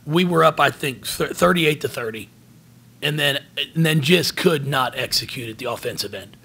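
A man in his forties, a basketball head coach, answering questions at a post-game press conference from behind a table microphone, earnest and halting, often restarting his words. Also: mid-range voice, vocal fry, sharp tone, slightly rough. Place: press room in front of a team backdrop. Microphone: table microphone in front of him.

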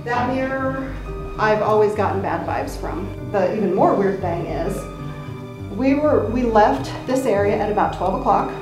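A woman's voice: mid-range voice, animated, moderate pace. A woman working as a tour guide, explaining things as she shows people around indoors. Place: indoors in a large old building. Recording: echoey room with music behind.

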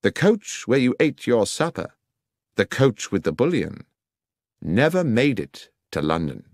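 A man voicing a sharp, commanding detective who speaks precisely and with authority. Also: mid-range voice, big pitch swings, a little slow, no echo, studio quality, voice pushed up. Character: sharp, commanding male detective, middle-aged.

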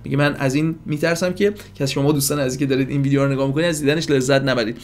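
A man teaching English, whose first language is Persian. He talks fast and casually to viewers as friends, then slows right down to spell out each example sentence. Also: medium pitch, fairly even intonation. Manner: switches between fast chatty explanation and slow, careful example sentences; addresses viewers warmly as friends and kids, with filler hesitations. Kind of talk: casual video lesson.

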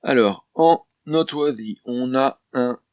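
A man with a French accent, a composer talking casually through his music software at home, with lots of fillers and self-corrections. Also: medium pitch, slow, clean tone, no room sound, clean studio sound. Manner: chatty and explanatory, with frequent fillers and self-corrections; addresses the viewer informally, jokes lightly. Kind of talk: casual screen-share tutorial vlog. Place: home, during lockdown.

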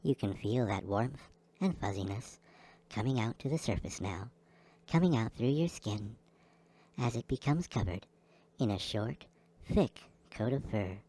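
A man guiding a listener through a slow, soothing hypnosis session. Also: fairly low pitch, animated, warm tone, breathy edge. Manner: slow, soothing, repetitive delivery. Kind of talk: guided hypnosis script.

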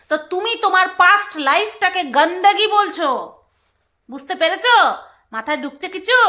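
Very high, bright-voiced mocking woman. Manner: mocking, sarcastic, teasing. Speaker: vlogger. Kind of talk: casual commentary.

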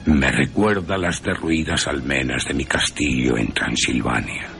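Man acting courteous vampire count, radio drama, solemn, menacing, deep, unhurried, accent of Spain. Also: creaky, bright, forceful tone, faint music behind, exaggerated voice. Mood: brooding. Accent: Spanish (Spain).

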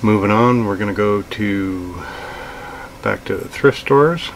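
A middle-aged man with a deep, gravelly voice talks slowly and easily to a camera across the table. His manner is plain-spoken and unhurried, with plenty of ums and uhs. A faint air conditioner hums in the small room. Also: a little hiss or hum, poor audio. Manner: relaxed, plain-spoken, with frequent fillers. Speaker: outdoors vlogger. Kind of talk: casual gear talk to camera. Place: small indoor room with shelves of gear.

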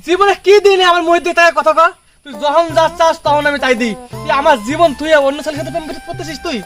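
A man plays a jealous husband who scolds and accuses in a high, quick voice, repeating his lines over and over. He half laughs through the anger, like a homemade comedy skit shot outdoors in a garden. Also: fairly bright tone, faint music behind. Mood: hurt. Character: jealous angry husband, middle-aged man. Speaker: channel host in a family skit. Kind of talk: amateur comedy skit acting.

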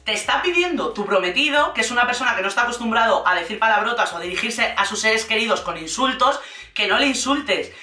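A woman's voice: a little high, quick pace, reverberant, far from the mic. A woman from giving casual, sarcastic commentary on a reality show. She acts out the people she quotes as she talks. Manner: sarcastic and expressive, mimics people in quoted voices.

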